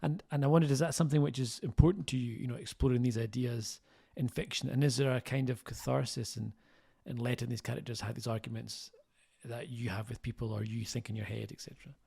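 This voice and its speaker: A man's voice: mid-range voice, fairly even intonation, fast, vocal fry, dark tone, breathy edge. A man hosting a podcast interview, asking long, searching questions padded with fillers. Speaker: podcast host.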